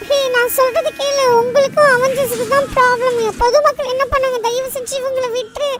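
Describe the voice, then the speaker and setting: Brief: a scared pleading cartoon boy, very high-pitched, distant in loud game noise. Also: flat delivery, brisk. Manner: pleading, panicky.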